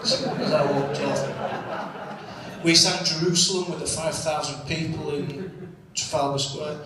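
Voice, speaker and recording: Heard from a distant mic in an echoey function room with faint ambience and background noise, a man with a slightly high voice tells cheeky after-dinner stories about his cricket days. His anecdotes are comic and built around punchlines.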